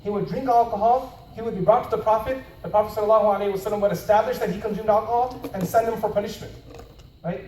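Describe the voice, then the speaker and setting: A man preaching a lecture at a conference, telling stories in an animated way that swings from loud to hushed. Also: high-pitched, quick pace, slight background noise. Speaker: Islamic preacher. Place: conference hall. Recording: echoey hall from far off.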